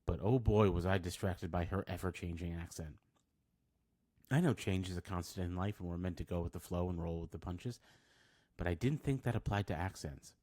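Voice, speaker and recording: A man's voice: deep voice, darkish tone. A man reading a scripted film review, with wry, dry asides.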